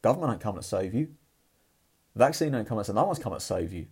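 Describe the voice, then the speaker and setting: Man, husky voice, swears freely, casual motivational talk, blunt and pushy. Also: lowish voice, expressive, rapid-fire, darkish tone. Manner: blunt, profane and fired-up. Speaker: motivational vlogger.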